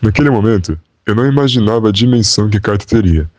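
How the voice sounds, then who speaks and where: A young man playing a calm, proud Portuguese royal scribe, recounting in a measured, formal way on a school podcast. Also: fairly low pitch, dry recording. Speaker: interviewee. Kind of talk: school podcast role-play.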